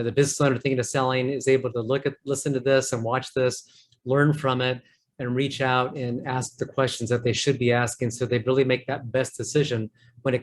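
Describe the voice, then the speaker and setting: A man's voice: medium pitch, slight background noise. Host man asking interview questions. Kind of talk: interview hosting.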